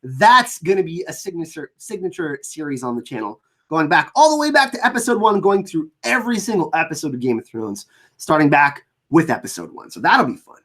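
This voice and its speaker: A person with a French Canadian accent hosting a casual livestream, chatting informally and reading out viewer comments, often halting and repeating words. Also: mid-range voice, very animated, a bit bright. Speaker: livestream host.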